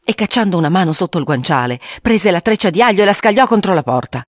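A reader narrating a spooky children's story aloud in an expressive way, acting out the voices. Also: medium pitch, fast, no echo, studio quality.

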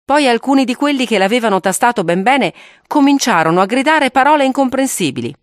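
A woman reading a novel aloud in a steady, grave audiobook narration. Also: on the high side, brisk, no echo, clean studio sound.

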